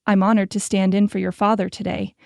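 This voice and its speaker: A woman narrating a courtly older gentleman merchant in an audiobook, speaking with gracious, formal phrasing. The voice is dark and gravelly, recorded close and dry. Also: medium pitch, level tone, fairly quick, dry recording, natural voice. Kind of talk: audiobook character reading.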